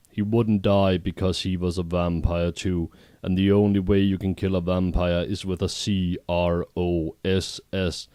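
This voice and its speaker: Brief: low-voiced man, deadpan reading of bad fanfiction, dry close mic. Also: no echo. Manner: deadpan, reads errors as written. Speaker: reader.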